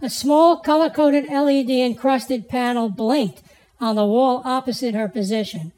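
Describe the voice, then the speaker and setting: A woman narrates a thriller audiobook with a slightly raised pitch. Her reading is measured and even, paced for storytelling. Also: low-quality recording.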